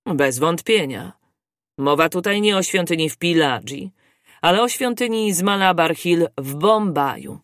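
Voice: medium pitch, lively intonation, unhurried, fairly bright tone, dry recording, studio quality. A reader voicing a pompous male court clerk in an audiobook, drawing out formal phrases.

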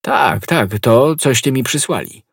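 An impetuous young swordsman, urgent and earnest, as a male narrator voices him. The voice is husky and lifted above the reader's own low register, and it sounds close and dry. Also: lively intonation, a little slow, dry recording, full character voice. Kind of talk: audiobook reading.

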